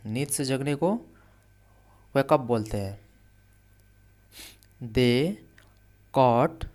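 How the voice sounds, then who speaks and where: A male teacher explains English reading and grammar in Hindi at an unhurried, deliberate pace. He reads each story word aloud, then repeats it with its meaning, patient and methodical. His voice sits at an ordinary middle pitch. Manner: reads the English story words slowly and louder.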